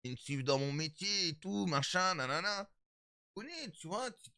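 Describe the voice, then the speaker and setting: A man of thirty-five chatting casually with his stream viewers, animated and repetitive, calling them his brothers. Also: sits high, normal speed, clear, resonant tone, no room sound, clean studio sound. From Italian background. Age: 30s.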